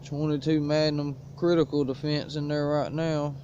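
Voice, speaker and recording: Filmed on a phone propped on a stick out in the woods, this vlogger's slightly high, level voice moves at a moderate pace, and the lo-fi audio is dull with a faint hiss. He does a casual show-and-tell of his everyday gear in a folksy, laid-back rural drawl, with the occasional cough.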